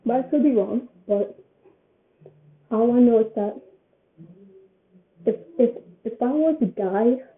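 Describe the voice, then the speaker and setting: A woman's voice: fairly high pitch, takes it slowly, long pauses. An eighteen-year-old woman giving her opinion in a casual vlog, rambling and often repeating her phrases. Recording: tinny phone-like sound.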